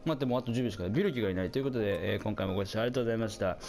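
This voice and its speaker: A man doing casual commentary over a football video game, chatting to his viewers and reacting out loud to the plays, his voice getting hoarse. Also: fairly low pitch, very fast, soft background music. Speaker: gameplay commentator.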